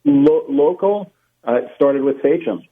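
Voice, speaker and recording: A man from Long Island being interviewed as a guest, speaking in a relaxed, hesitant way with many "um"s and "you know"s. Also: on the high side, measured pace. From Long Island, New York. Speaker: guest, sporting director. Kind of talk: casual interview. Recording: phone-like remote call line.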